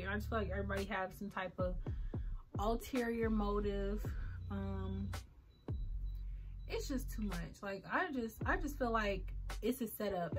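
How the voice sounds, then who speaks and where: A woman of twenty-four, chatting casually and rambling with lots of ums and likes while getting ready on camera. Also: medium pitch. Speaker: beauty vlogger. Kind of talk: casual get-ready-with-me chat.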